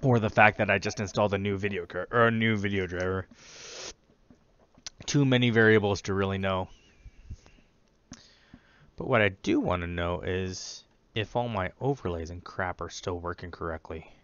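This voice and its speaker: A man with a lowish, smooth voice chats casually while streaming a game, now and then muttering under his breath as he works through his settings. The audio is dull and lo-fi, like stream sound. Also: normal speed, long pauses, fairly bright tone, no echo. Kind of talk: casual gaming stream chat.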